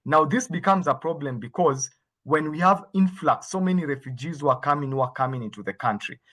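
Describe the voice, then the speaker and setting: A man's voice: fairly high pitch, lively intonation, brisk, a bit bright. A man from Kenya speaking as a guest expert on a video call, explaining to a workshop audience in a patient, explanatory way, sometimes repeating and restarting phrases.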